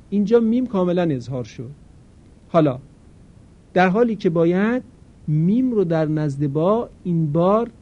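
A fairly high-voiced man teaching Quran recitation. He explains each rule plainly and then stretches his examples into slow, drawn-out chanted recitation. The recording is dull and lo-fi. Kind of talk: recorded tajweed lesson.

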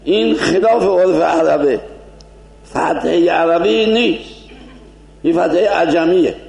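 A man teaching a seminary lecture as a cleric, explaining points and slowly demonstrating Arabic pronunciation. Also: on the high side, vocal fry, a little mellow, echoey room.

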